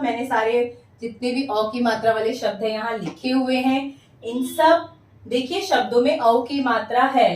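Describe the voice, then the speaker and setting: A woman teacher slowly sounding out syllables and words, loud and clear for pupils to repeat after her. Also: a little high, far from the mic. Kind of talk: Hindi vowel-sign lesson for children. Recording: echoey room, voice set back from the mic.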